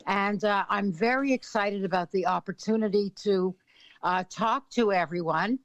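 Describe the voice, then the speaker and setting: An older Canadian woman, an author and influence consultant, is a guest in an interview, speaking thoughtfully at normal speed in a mid-range voice. She uses lots of fillers and often clears her throat. The recording is dry and lo-fi.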